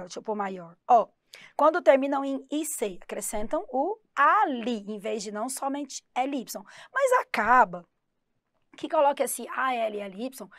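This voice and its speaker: A woman teaching an English lesson for exam prep, chatty and explaining slowly, spelling out words letter by letter. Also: a little high, no room sound, studio quality.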